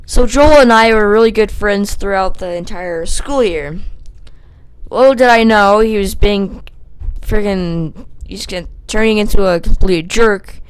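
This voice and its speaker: A woman's voice: mid-range voice, measured pace, clean tone. A young woman telling a rambling, self-mocking story for a casual vlog, full of fillers, with a sore throat. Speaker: vlogger.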